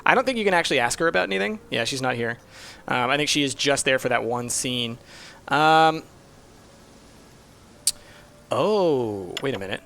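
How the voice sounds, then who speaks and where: Young male streamer, chatty, thinks aloud, bright tone. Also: mid-range voice, lively intonation, normal speed, gravelly, long pauses, a little hiss or hum. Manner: thinks aloud, muttering and musing. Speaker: streamer playing a mystery game. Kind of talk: casual let's-play commentary.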